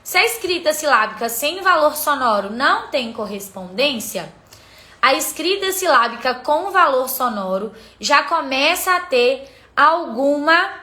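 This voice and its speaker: A woman teacher with a high, bright voice leads a live-streamed literacy lesson. She explains step by step, keeps pointing her viewers to the examples, and greets them as they join. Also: very animated, a little slow.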